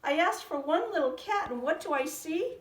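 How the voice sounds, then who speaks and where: A woman's voice: high voice, lively intonation, normal speed, pitched above the performer's own voice. A woman voicing a very old storybook wife who exclaims and scolds. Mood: scolding. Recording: roomy echo, from a distance.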